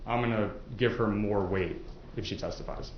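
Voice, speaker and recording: In an indoor courtroom, a lawyer addresses jurors at a moderate pace, his voice on the low side and his intonation fairly even. His questioning stays courteous and conversational, now and then hesitant. Faint noise sits under echoey, muffled sound.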